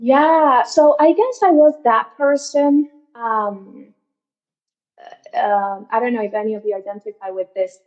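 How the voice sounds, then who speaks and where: A woman's voice: on the high side, measured pace. A woman in her late thirties, a therapist answering interview questions in an earnest, reflective and slightly hesitant way. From Venezuela. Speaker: guest therapist. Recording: slightly muffled lo-fi audio.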